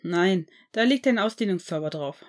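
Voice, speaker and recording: A shy teenage boy wizard, read by a woman in a fan-made audiobook. He speaks in a hesitant, halting way and sounds a little embarrassed. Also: fairly low pitch, animated, darkish tone, close to an everyday voice.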